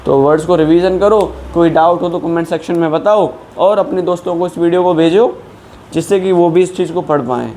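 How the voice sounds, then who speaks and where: A high-pitched man runs an exam-prep vocabulary lesson. He explains each word in Hindi, then reads example sentences out slowly and deliberately. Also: mellow, a little hiss or hum. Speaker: English vocabulary teacher.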